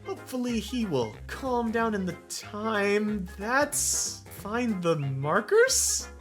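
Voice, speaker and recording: A woman's voice: medium pitch, sing-song, slow, soft background music. A woman giving casual, playful commentary on her gameplay, giggling often as she chats. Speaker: gaming YouTuber.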